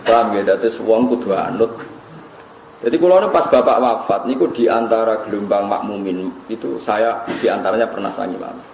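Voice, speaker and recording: A man's voice: lowish voice, a little fast, gravelly, darkish tone, reverberant, slight background noise, rough recording. A man with a Javanese accent preaching a sermon, telling stories with laughter and reciting Arabic verses. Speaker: Islamic preacher. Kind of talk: sermon to a gathering.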